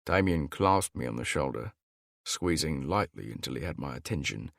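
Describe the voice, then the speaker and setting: Low gravelly guy reading an audiobook, lively pitch, dry close sound. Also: moderate pace, dry recording. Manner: steady first-person storytelling. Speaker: audiobook narrator. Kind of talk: scripted narration.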